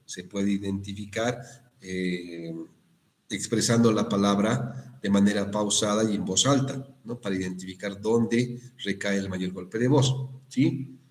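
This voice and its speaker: A male teacher giving an online class on spelling and accents, explaining slowly with frequent checking questions and restarts. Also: fairly low pitch, fairly even intonation. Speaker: university language teacher.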